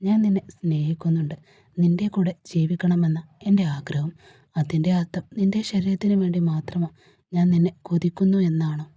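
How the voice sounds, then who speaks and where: A woman's voice: lowish voice, fairly even intonation, a little fast, dark tone, husky, dry recording, dull audio. A woman reading a storybook part of a hurt young husband who pleads with his wife. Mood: wounded.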